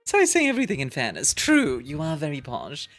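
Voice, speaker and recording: This woman, from Belgium, speaks English with a British lean as she casually reads and responds to her live chat. Giggly, bubbly and full of fillers, she talks a little fast in a low voice whose pitch swoops wildly. Faint music sits behind her.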